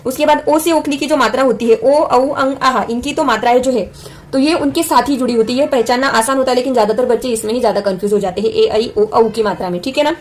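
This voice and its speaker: A woman teacher explaining a lesson patiently, often pausing to say example sounds slowly and clearly. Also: fairly high pitch, darkish tone, slight background noise. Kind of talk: classroom-style lesson explanation.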